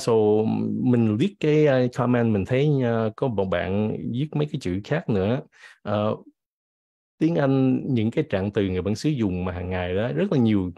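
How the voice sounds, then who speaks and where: Slow-talking man teacher with a cold. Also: fairly low pitch, vocal fry, warm tone, no echo, highs cut off. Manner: switches between English and Vietnamese, reads example sentences slowly. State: has a cold, clearing his throat. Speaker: English teacher. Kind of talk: bilingual vocabulary lesson.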